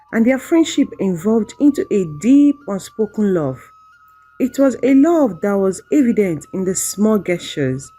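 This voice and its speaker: In a measured, dramatic storytelling style, a woman narrates a scripted folktale. Her mid-range voice is dark with a breathy edge.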